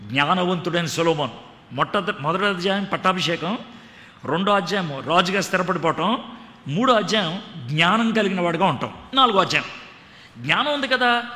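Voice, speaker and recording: A male preacher giving a lively storytelling sermon in a large church hall, acting out dialogue in different voices. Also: sits high. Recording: echoey hall reverb.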